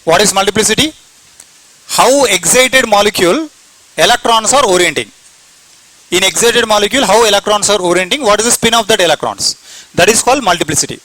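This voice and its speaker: Here a high, fairly quick male voice with a sharp edge delivers a chemistry lecture in an Indian English accent. He repeats key points and asks questions only to answer them himself. The low-quality recording has no echo.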